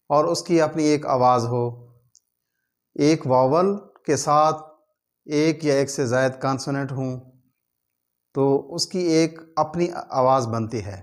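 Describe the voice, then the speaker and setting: Slow deliberate man teaching a lesson. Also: on the high side. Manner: slow, deliberate, spelling words out letter by letter. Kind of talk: grammar lesson explaining in Urdu-flavored Hindi.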